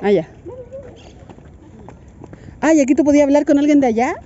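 A middle-aged Chilean woman with a high but dark, mellow voice, chatting and retelling a story in a family vlog. She speaks Chilean Spanish in an animated, storytelling way. It sounds like a phone recording outdoors, a bit dull, with faint background noise. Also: moderate pace. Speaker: vlogger mother.

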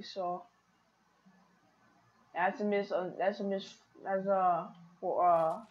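Female streamer, chatty and excitable, mid-range voice, slightly dull lo-fi mic. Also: medium pitch. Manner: chatty, excitable, talks to viewers. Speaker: gaming streamer. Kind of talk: casual gameplay commentary.

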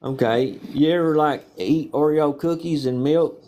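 A man with a Southern accent and a slightly high voice, asking questions in a casual street interview. He probes patiently and explains with everyday examples. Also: a little slow, mellow. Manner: probing, patient, uses homely examples.

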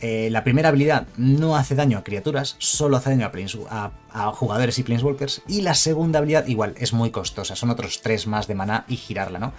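A man's voice: mid-range voice, fairly quick, few pauses, darkish tone, faint music behind. Chatty streamer man rambling. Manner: rambling, chatty, full of asides and self-corrections. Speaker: card game streamer. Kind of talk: casual live card commentary.

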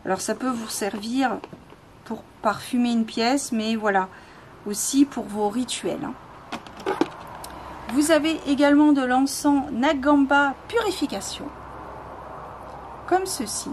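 Slow, hesitant woman with a noisy recording. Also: sits high. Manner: slow, hesitant, many fillers and self-corrections. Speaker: spiritual seller showing items for sale. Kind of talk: casual product show-and-tell.

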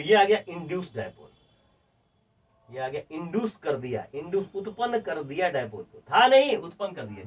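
Animated Bihari teacher, distant lo-fi sound. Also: male voice, high voice. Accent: Bihari Hindi. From India. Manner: repeats points and keeps calling the students children; emphatic, animated explaining, dictating notes word by word. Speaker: chemistry teacher. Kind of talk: classroom chemistry lecture. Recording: distant, dull lo-fi classroom audio.

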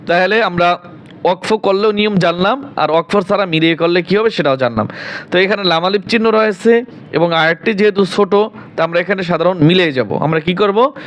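A man teaching a Quran recitation lesson, spelling out each letter and then chanting the verse with long drawn-out vowels. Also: sits high, a bit bright.

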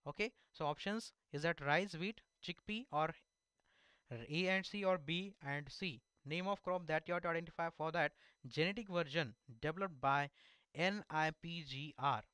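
A man's voice: a little high, normal speed, sharp tone, clean tone, dry recording. A young man with an Indian accent teaching through exam questions as an online tutor, repeating answers and slipping in Hindi asides. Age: young adult. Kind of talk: lesson going through mock test questions. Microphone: headset.

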